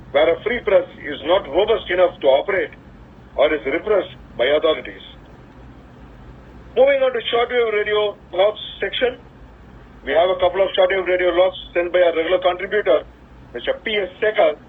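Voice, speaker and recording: A man's voice: high-pitched, slight background noise. A man from India with a South Indian accent, hosting a scripted radio news digest over a shortwave radio transmission. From Chennai, India. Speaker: radio program host. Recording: tinny, phone-like shortwave digital radio reception.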